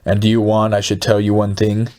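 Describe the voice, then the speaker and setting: A man's voice: fairly low pitch, a little fast, natural voice. A man voicing a gloating, scheming old crook. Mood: conspiratorial. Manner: excited, conspiratorial, sinister. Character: scheming, gloating poor middle-aged man plotting a crime.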